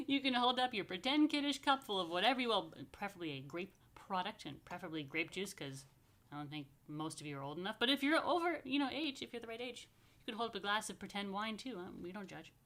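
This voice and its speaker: Speaking fast and animatedly, a woman rabbi hosts a children's story reading with blessings. Her medium-pitched voice is fairly bright, and she keeps things informal, playful and simple for the young families listening.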